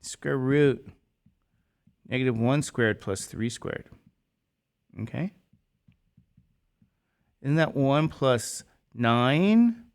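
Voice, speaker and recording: Slow-talking man teaching a math class. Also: mid-range voice, lively intonation. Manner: asks the class quick questions and answers them himself. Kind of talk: classroom lecture.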